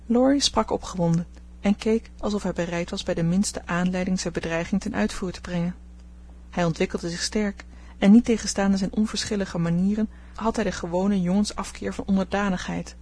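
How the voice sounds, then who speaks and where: A woman's voice: fairly low pitch, brisk, husky. Woman narrating a classic novel. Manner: calm, even storytelling. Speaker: audiobook narrator.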